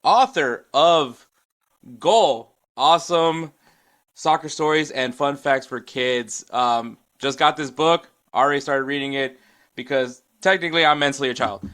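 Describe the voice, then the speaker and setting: A man hosting a casual sports podcast, speaking at an everyday pitch. His delivery is upbeat and chatty, full of fillers and quick restarts. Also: fairly bright tone, clean tone. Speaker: podcast host. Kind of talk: casual podcast intro and interview.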